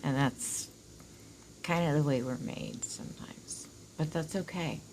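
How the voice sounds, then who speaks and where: A woman with a low voice and a whistling s talks casually to her viewers as she reads oracle cards. Her delivery is slow and wandering, with informal asides and some swearing. Faint noise sits behind the voice. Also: a little mellow. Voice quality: whistling s from dental work. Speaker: oracle card reader, host. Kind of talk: casual card reading to viewers.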